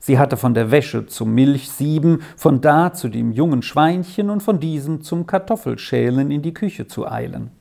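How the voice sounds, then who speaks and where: A storyteller reading a children's story aloud in a slow, expressive way. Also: medium pitch, gravelly.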